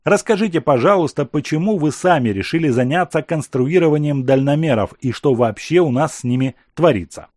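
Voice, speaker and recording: A man reading as a calm commanding emperor. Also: on the high side, no room sound, clean studio sound. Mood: instructive. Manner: measured, commanding, explaining. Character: calm authoritative male emperor, questioning and instructive.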